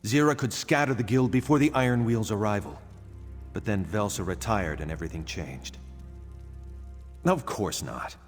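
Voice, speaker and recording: Low-voiced retired thief in reverb. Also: male voice, moderate pace. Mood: resigned, confessional. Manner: theatrical, confessional. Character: retired thief turned painter, a resigned married man. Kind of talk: video game character dialogue. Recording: long reverb, music behind.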